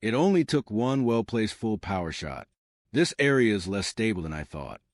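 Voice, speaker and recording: A man's voice: fairly low pitch, big pitch swings, normal speed, dry recording, clean studio sound. A man voicing an earnest male team leader in a comic, reasoning things out and giving orders.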